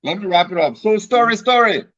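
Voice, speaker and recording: A man's voice: sits high, expressive, brisk, a bit bright, dull audio. A man with a Liberian accent chatting and telling stories in exclamatory colloquial English, repeating phrases for effect. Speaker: storyteller and author. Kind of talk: animated colloquial storytelling and casual chat.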